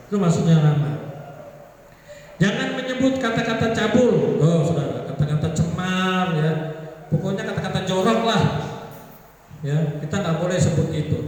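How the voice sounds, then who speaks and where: A man preaching in a loose, chatty way, breaking into little laughs and quick acted-out voices. His voice sits a bit high, and it carries from a distance through a long, booming church-hall echo. Faint room ambience sits behind him. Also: a little mellow, slight background noise. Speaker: pastor. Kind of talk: sermon. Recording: echoey church hall from far off.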